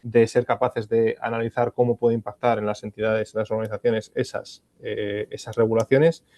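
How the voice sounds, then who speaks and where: A lowish, level and slightly mellow voice belongs to a Spanish-accented ESG reporting expert speaking at a normal pace, with no room sound. Answering panel questions at a conference, he comes across as thoughtful and hesitant, filling pauses and restarting sentences often.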